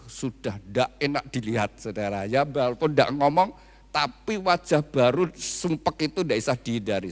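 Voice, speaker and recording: A man preaching a wedding sermon, telling a personal story and often addressing the congregation directly. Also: mid-range voice. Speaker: pastor. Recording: reverberant church hall.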